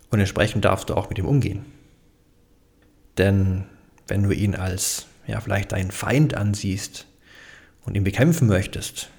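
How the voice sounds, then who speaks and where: Low gravelly male self-help speaker. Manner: calm and explanatory, addressing the listener directly; frequent thinking fillers. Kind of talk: motivational self-help talk.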